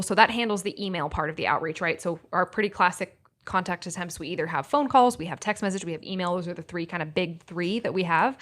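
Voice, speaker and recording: A woman's voice: fairly low pitch, fairly bright tone. A woman guest on a podcast, explaining tools and methods in a practical, upbeat way. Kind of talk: casual podcast interview.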